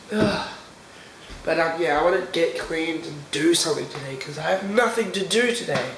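A man's voice: fairly high pitch, normal speed, fairly bright tone. A young man with a blocked nose and sore throat, rambling and laughing through a casual video diary from home. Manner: rambling, chatty, laughs often. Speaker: vlogger. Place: at home, indoors. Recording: echoey room with background noise.

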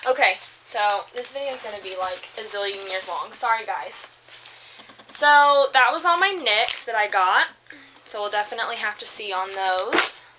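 A young woman rambling through a casual makeup haul review, full of fillers and restarts, her voice a little hoarse from allergies. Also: medium pitch, normal speed, noisy background. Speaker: beauty vlogger.

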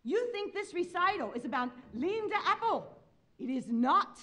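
A woman's voice: very high-pitched, big pitch swings, normal speed, sharp tone, voice pushed up, exaggerated voice. A woman putting on the voice of her stern, impassioned male piano professor, with a Spanish accent and an insistent, scolding delivery.

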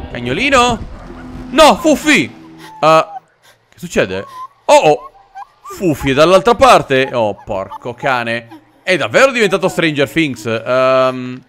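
A man hosting a let's play, narrating his gameplay with jokes and loud, animated exclamations. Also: on the high side. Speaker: gaming channel host.

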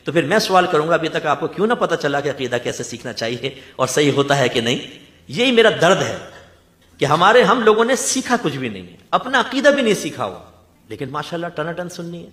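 A man from Pakistan giving an animated religious lecture, full of rhetorical questions and teasing asides. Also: on the high side, fairly quick, roomy sound. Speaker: Islamic scholar giving a talk.

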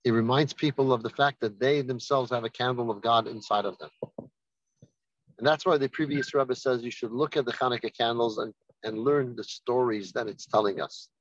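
A man giving a rabbi's holiday message, telling a story in an unhurried way and lifting his voice for the people he quotes. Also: medium pitch, steady tone, dry recording, muffled recording. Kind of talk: sermon with storytelling.

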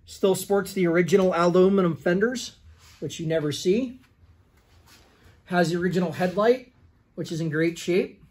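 Young male shop owner, higher pitch, casual matter-of-fact walkaround, handheld phone, indoor workshop. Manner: plain, matter-of-fact listing of details with fillers. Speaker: restoration shop owner selling a motorcycle.

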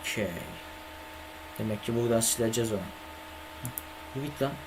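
Here a young man streams games live at home on a desk microphone, chatting casually with his viewers and cursing and grumbling at the computer. He talks a little fast in a steady, mid-range voice, and background noise is present.

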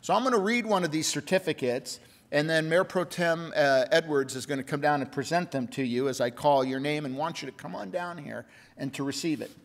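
A man serving as mayor at a city council meeting, reading a certificate aloud at a podium microphone in a genial way, with quick reading and frequent fillers. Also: on the high side. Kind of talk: reading a certificate at a civic ceremony.

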